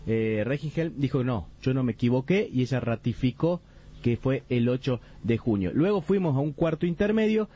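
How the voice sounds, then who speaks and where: A man giving a live radio report from a court trial, laying out the events in steady detail with frequent restarts. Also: medium pitch, normal speed, husky. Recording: muffled radio audio.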